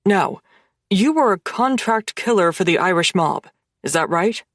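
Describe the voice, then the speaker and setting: A woman's voice: medium pitch, animated, measured pace, no echo, studio quality. A woman voicing a nervous male TV reporter.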